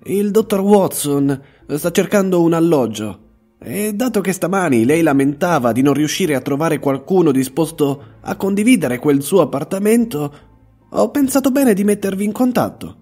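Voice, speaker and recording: Eager young fellow, as a man puts him on, raised husky voice, bright, louder, faint music behind. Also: fairly high pitch, lively intonation, moderate pace, voice pushed up. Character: young male friend, eager go-between.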